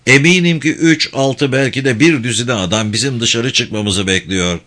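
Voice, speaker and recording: A man's voice: medium pitch, moderate pace, fairly bright tone, lightly acted. A man voicing a paranoid, unhinged mother who rants harshly in a storybook reading. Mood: ranting. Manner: harsh, ranting.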